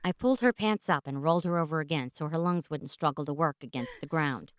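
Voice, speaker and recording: A woman narrating a fantasy story in the first person as a dramatic, theatrical reading with deliberate pauses. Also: low-pitched, smooth, no room sound, clean studio sound. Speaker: audiobook narrator.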